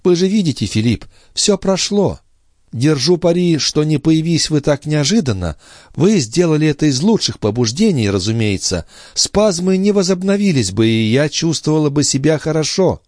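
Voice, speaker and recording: A man reading an audiobook voices a fragile, nervous young woman who talks in breathless, high exclamations. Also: sing-song, normal speed, a little mellow, no echo, clean studio sound. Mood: agitated, fluttery.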